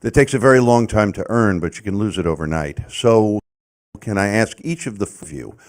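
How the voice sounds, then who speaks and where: A man with a very low voice asks a question from the audience. He is courteous and opens with a quick anecdote before his question. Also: a little mellow. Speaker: audience member, former ambassador.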